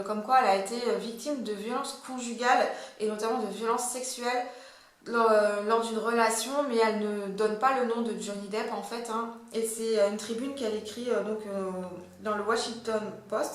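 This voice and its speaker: A woman with a French accent explaining a court case in a casual, hesitant way, with many fillers and self-corrections. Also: a little high. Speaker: commentator. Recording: very echoey room.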